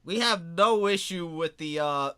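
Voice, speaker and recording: Podcast guy trash-talking casually, bright crisp voice, dry room. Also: a little high, a little slow, no echo. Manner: blunt, mocking, joking. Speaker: podcast co-host.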